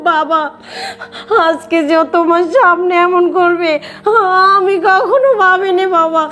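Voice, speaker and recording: Woman acting as a sobbing young wife, very high voice, pleading. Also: fairly quick, fairly bright tone, faint music behind. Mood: tearful. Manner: crying, pleading. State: tearful. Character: young wife, loyal and suffering. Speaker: mistreated wife. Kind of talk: short-film acting.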